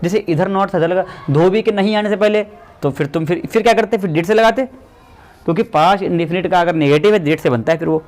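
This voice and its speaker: High-voiced male classroom teacher. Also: a little fast, a little mellow. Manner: explains step by step, asking the class questions. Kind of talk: classroom grammar lesson.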